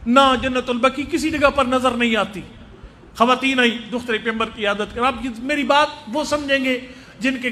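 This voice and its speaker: A man's voice: very high voice, pushed and bright. A man with a Punjabi-tinged Urdu accent delivering a mourning sermon at a mosque gathering, chanting and wailing as he speaks. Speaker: Shia orator. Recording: crowd and noise from a live gathering.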